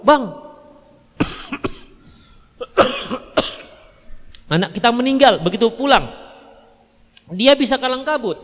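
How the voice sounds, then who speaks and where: A male preacher with a Medan accent giving a religious lecture, telling the story in a lively way and acting out the dialogue. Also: high voice. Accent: Medan Indonesian. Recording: reverberant hall.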